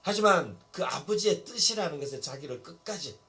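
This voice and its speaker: A man's voice: a little high, animated, brisk, pushed and bright. A middle-aged male pastor preaching a sermon, telling stories and acting out Bible dialogue. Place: church basement hall.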